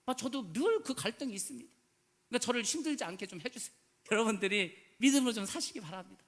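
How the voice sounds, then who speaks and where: A man's voice: very high-pitched, lively intonation, quick pace, a bit bright. A man preaching a sermon as pastor, emphatic and full of rhetorical questions, slipping into casual speech. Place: church sanctuary. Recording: church hall reverb.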